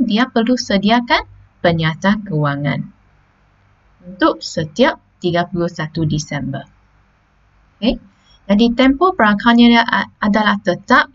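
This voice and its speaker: A woman's voice: medium pitch, lo-fi sound. A Malaysian woman teacher taking students through a lesson step by step, often checking in with "okey" and "ha?". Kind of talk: classroom lesson on slides.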